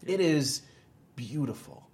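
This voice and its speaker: A man's voice: medium pitch, sing-song, takes it slowly, a little mellow. Man, 30s, earnest, storytelling, ministry founder being interviewed. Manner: earnest, storytelling, frequent restarts and laughs. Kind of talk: interview conversation.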